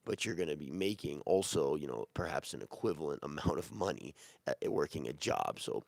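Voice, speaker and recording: Fielding viewer questions about life abroad on a casual livestream, a man working as a real estate agent is ill and his voice is giving out. He talks fairly quickly in a very deep, vocal-fried voice with lively intonation, rambling through plenty of restarts and fillers. There is no room sound.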